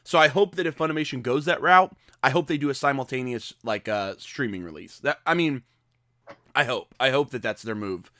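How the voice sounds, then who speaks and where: A man co-hosting a podcast, chatting casually and weighing his opinions out loud. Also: mid-range voice, a little fast, no echo, clean studio sound. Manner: thoughtful, hedging. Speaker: podcast co-host. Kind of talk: casual chat.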